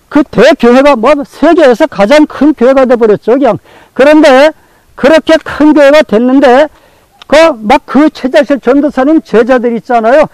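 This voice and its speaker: A male pastor preaching a sermon, repeating phrases for emphasis and telling stories in a lively, colloquial way. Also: extremely high pitch, dry recording, low-quality recording. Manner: colloquial, animated storytelling with acted-out quotes.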